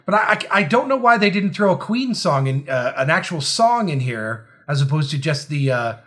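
A man's voice: a little high, very animated, normal speed, fairly bright tone. A man co-hosting a casual movie commentary, joking and riffing on scenes with frequent fillers. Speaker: podcast co-host.

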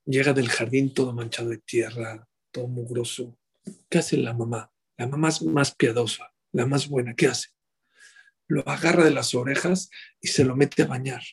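A middle-aged man giving a sermon as a rabbi, animated and full of rhetorical questions to his listeners. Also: medium pitch, moderate pace, vocal fry, husky.

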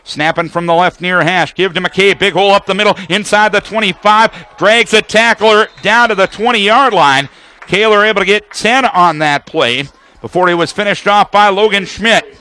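With a high, sharp voice, an American man calls live football play-by-play on the radio. His running commentary is detailed, describing the formations and the action.

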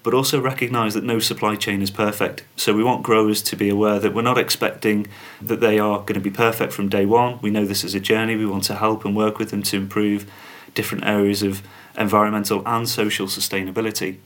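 A man speaking as a company spokesman on a podcast, giving measured, businesslike interview answers. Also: on the low side, flat delivery, fairly bright tone. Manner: measured, corporate, uses fillers.

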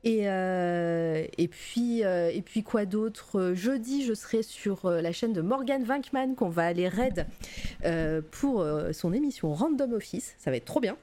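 A woman's voice: medium pitch, animated, measured pace, dark tone. A woman hosting a live stream in an easy, rambling style. She fills her sentences with hesitations and slips in little laughs as she goes. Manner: chatty, many fillers, giggly asides. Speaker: stream host. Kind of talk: casual live-stream chat.

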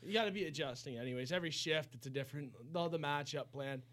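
A man's voice: on the high side, fast, fairly bright tone. Easygoing man giving hockey opinions. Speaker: podcast co-host. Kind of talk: casual sports talk.

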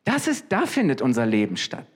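A man preaching a sermon in a lively, conversational way, often asking his listeners questions. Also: mid-range voice, brisk.

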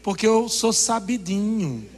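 A man's voice: high voice, lively intonation, measured pace, noisy background. A man preaching a sermon, joking and laughing with the congregation. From Brazil. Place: church hall. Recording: long reverb of a church hall.

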